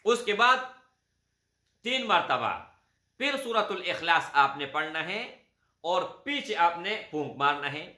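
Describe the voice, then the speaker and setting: Slow, bright-voiced man giving religious instruction. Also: a little high, lively intonation. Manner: slow, step-by-step instructing, addresses listeners as brothers. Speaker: spiritual guide. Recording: roomy echo.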